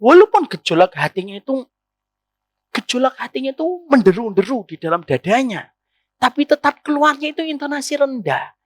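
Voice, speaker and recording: A man's voice: very high voice, big pitch swings, moderate pace, no echo. A man preaching a sermon to a women's study circle, addressing the listeners as ma'am and asking them rhetorical questions.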